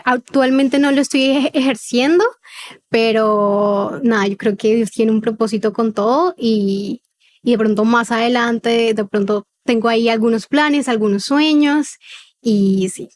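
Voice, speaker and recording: A young Colombian woman in her 20s from Cartagena appears as a podcast guest, sharing personal testimony in a conversational interview. Her voice is high with a darkish tone, and her accent is neutral Colombian with a slight paisa lilt.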